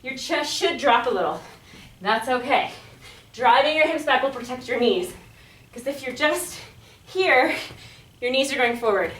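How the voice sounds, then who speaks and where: Female fitness instructor, bright and animated, encouraging and exerting herself as she calls moves; roomy, distant mic. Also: high-pitched, a little slow, pauses often. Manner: peppy, encouraging, casual, calling out cues and counts; exerting herself while talking. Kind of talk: workout instruction, coaching along while exercising. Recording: echoey room, distant microphone.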